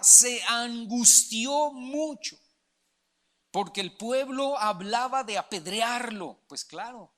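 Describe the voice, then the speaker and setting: A man's voice: high voice, sharp tone. A man preaching a sermon as pastor, emphatic and direct, often calling his listeners brother. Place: church.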